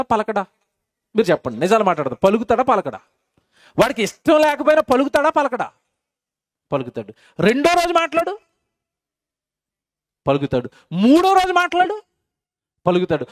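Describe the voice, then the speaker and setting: A male preacher, delivering a sermon to a congregation. He keeps asking the listeners questions and answering them himself, and he repeats phrases for emphasis. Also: very high-pitched.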